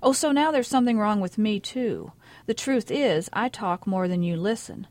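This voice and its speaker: A woman's voice: mid-range voice, lively intonation, moderate pace, no room sound, close to an everyday voice. A woman reading as a bitter quarrelsome mother. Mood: angry. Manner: sharp, resentful retorts.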